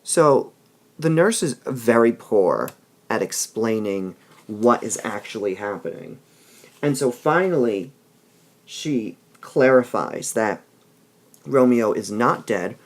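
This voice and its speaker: Slow, gravelly-voiced male teacher. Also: mid-range voice, lively intonation. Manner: explanatory, keeps checking in with "all right?". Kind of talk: literature lesson with read-aloud passages.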